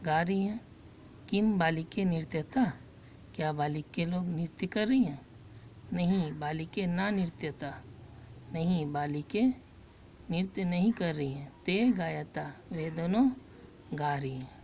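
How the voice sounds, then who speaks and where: Woman teacher, low and gravelly, reads and explains each phrase very slowly. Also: darkish tone, slight background noise. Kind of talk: slow line-by-line Sanskrit lesson with Hindi translation.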